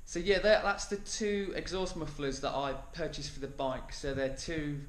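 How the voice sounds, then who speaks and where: A man's voice: on the high side, moderate pace, roomy sound. A man in his thirties casually explaining a motorcycle build in his home workshop, with plenty of ums. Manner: relaxed, lots of um fillers, explains as he works. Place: home garage workshop, indoors.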